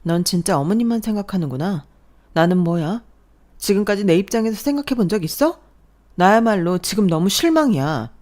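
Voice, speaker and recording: A woman's voice: mid-range voice, lively intonation, a little fast, a little mellow, natural voice. A woman voicing a fed-up young wife who firmly stands up to her mother-in-law and husband. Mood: heated. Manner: firm, heated.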